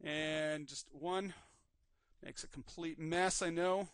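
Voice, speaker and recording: A man teaching a live 3D rigging class, calmly narrating each step on screen while his voice is slightly worn. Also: on the high side, slow, clear, resonant tone, no echo. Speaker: 3D rigging instructor. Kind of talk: live screen-recorded software tutorial.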